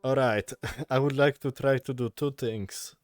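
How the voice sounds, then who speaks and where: A man's voice: medium pitch, steady tone, unhurried, clean tone. A man casually talking through his moves as a player in a tabletop game.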